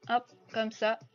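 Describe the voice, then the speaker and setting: A woman from Belgium with a Belgian French accent chatting on a live stream, reading viewer comments aloud and answering them. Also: a little high. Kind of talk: casual live-stream chat. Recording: dull lo-fi sound with faint music.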